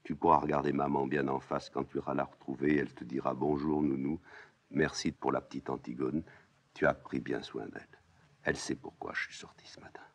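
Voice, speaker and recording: A man reading a play aloud, voicing a grave, stubborn young princess in a soft, low voice. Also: level tone, brisk. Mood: gentle. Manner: soft, hushed, subdued.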